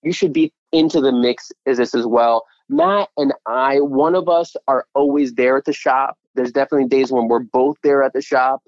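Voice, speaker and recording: A man with a mid-range voice tells lively stories about running his shop, quick to laugh. The recording is dry and somewhat dull. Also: mid-range voice, dry recording. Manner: lively storyteller, laughs easily. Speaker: restaurant co-owner. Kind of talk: interview storytelling.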